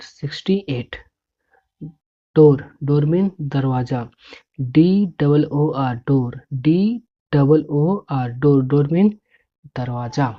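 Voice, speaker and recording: A woman teaching English words, spelling each one out letter by letter and repeating its meaning in a slow drill. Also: deep voice. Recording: dull lo-fi recording.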